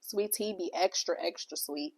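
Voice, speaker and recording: A young woman hosting a podcast, chatting casually and asking lively questions. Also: mid-range voice, moderate pace, vocal fry, husky. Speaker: podcast host. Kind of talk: casual chat.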